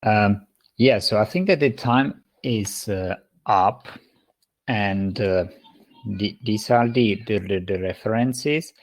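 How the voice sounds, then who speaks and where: Slow and lowish in pitch, this Czech-accented man from the Czech Republic lectures a university class online via video call. He frequently halts and starts over, leaning heavily on fillers.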